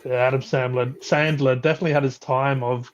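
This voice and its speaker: Over dull, lo-fi livestream audio, a man with a mid-range, steady voice chats casually at a brisk pace, rambling and restarting often and breaking into laughter as he talks.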